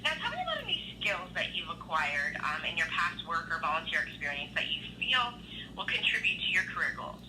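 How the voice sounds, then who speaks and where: Over a phone on speaker with clear background noise, a woman conducts a job interview. Her voice sits a little low, and she works through prepared questions. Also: wildly swooping pitch, brisk. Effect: phone call on speakerphone. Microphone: phone line played through a speakerphone. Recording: noisy phone call on speaker.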